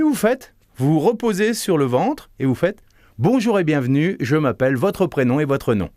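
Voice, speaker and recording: Give me a man leading a voice lesson, his pitch rising and falling in a lively, animated way. He coaches the listener warmly and patiently, showing each breath and hush himself. The recording is dry and close, with no room sound. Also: no room sound. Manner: demonstrates breaths and hushing sounds, guides the listener step by step; lively, encouraging delivery. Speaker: voice and speaking coach.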